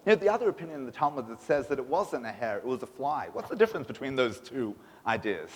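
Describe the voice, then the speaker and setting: A man's voice: mid-range voice, big pitch swings, fast, slightly rough. A man giving a sermon as a rabbi, preaching emphatically with rhetorical questions in a synagogue. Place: synagogue sanctuary. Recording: echoey synagogue hall.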